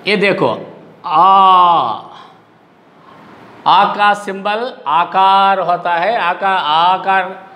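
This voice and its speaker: A man teaching a recorded lesson to young children, explaining slowly and repeating sounds aloud. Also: sits high, fairly even intonation, fairly bright tone, in a large hall.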